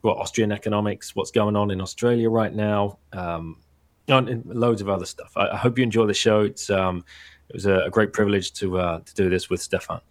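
A man hosting his podcast, talking casually with frequent pauses and restarts. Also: on the low side, steady tone. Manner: halting, many fillers and restarts. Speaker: podcast host.

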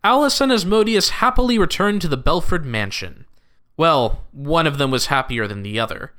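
Male narrator for audio drama, high-ish, bright and animated delivery. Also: normal speed. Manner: lively, expressive storytelling.

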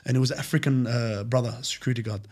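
Give me a man with a raspy, mid-pitched voice, telling a story casually. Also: steady tone, racing, darkish tone. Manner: storytelling, sprinkles Arabic phrases, says bro a lot. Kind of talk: casual chat.

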